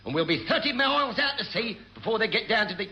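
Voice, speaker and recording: An actor playing a wily, cheeky chief petty officer in a radio sitcom, brash and offhand. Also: male voice, high voice, lively intonation, quick pace, pushed and bright, muffled recording, exaggerated voice. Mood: exasperated. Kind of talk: classic British radio sitcom acting.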